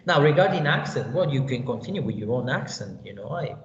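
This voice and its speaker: An English teacher with a Mexican accent runs an online class over a laptop video call, chatty and loose, full of fillers and "you know." His mid-range voice is very animated and fairly quick. The sound is echoey, dull, and lo-fi, with faint noise.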